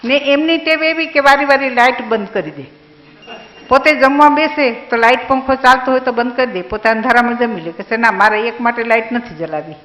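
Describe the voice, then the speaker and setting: An older woman giving a personal reminiscence speech about her husband, with a gently humorous storytelling manner. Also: fairly high pitch, a little fast, reverberant, slight background noise, poor audio. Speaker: speaker's wife giving a tribute.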